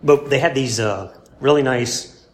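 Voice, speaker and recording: A man in a casual interview, rambling and halting, with many fillers and restarts, laid-back and self-deprecating. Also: medium pitch. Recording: roomy with faint background hum.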